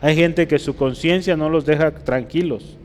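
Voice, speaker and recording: A man preaching a teaching sermon, often asking the congregation for agreement and pausing to write on a board. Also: on the high side, big-room sound. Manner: teaching, rhetorical questions, asks listeners for agreement; writes on a board while speaking.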